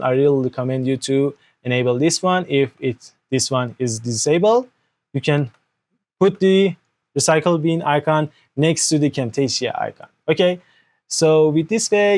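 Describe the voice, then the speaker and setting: A young man, a Persian native speaker, walks through a computer process step by step from his desk indoors, talking into an external mic for a screen-recorded software tutorial. His voice is a bit high with a darkish tone, and as the tutorial host he explains things while often asking "okay?" in non-native grammar.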